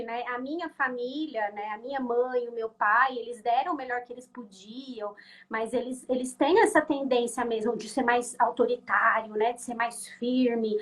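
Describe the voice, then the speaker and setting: Brazilian lady w a high voice explaining stuff in an online class, keeps tagging on little questions. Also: fairly bright tone. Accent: Brazilian Portuguese. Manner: peppers speech with tag questions, acts out quoted voices. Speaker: guest educator on emotional education. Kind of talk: conversational teaching in an online class.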